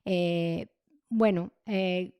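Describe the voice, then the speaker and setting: A young adult woman hosting a podcast, telling a personal story in an emotional, halting way with many restarts and repeated words. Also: lowish voice, steady tone, dark tone, smooth, dry recording, clean studio sound. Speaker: podcast host.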